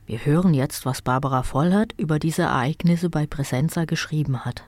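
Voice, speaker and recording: A man's voice: a little high, fairly quick, faint music behind. A man presenting a radio news report in a matter-of-fact announcing style. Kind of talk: news narration.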